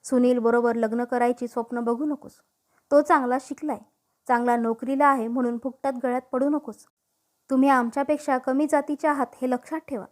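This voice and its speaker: A woman's voice: high voice, fairly even intonation, a little fast, natural voice. A woman voicing a proud mother who scolds a young woman harshly. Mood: furious.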